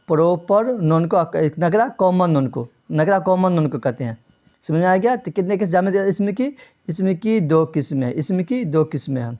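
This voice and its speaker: A man's voice: sits high, a little mellow. A man teaching Urdu grammar for an exam, who asks rhetorical questions, repeats the answers and spells out English words letter by letter. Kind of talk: exam-prep grammar lesson. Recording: dull lo-fi recording.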